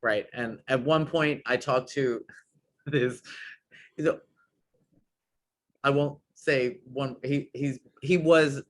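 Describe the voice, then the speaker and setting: A man's voice: medium pitch, steady tone, slow pace, long pauses. A man guesting on a podcast, talking casually and enthusiastically, with many "like"s and restarts. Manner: enthusiastic, rambling, lots of "like".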